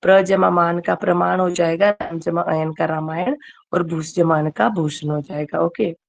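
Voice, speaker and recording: A woman's voice: fairly low pitch, steady tone, normal speed, gravelly. A woman teacher giving an online grammar class. She keeps quizzing her students and checks in with "okay" as she goes.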